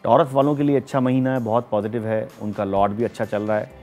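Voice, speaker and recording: A middle-aged man with a Pakistani accent talks through horoscopes in a low, mellow voice. He explains steadily, often pausing with hesitations. Faint music plays behind him. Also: little pitch movement. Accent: Pakistani Urdu. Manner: measured, explanatory, frequent hesitations. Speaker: astrologer. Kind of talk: studio talk show reading horoscopes.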